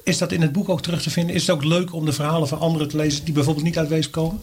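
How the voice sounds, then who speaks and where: A man interviewing an author, asking brisk, leading questions. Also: fairly high pitch, little pitch movement.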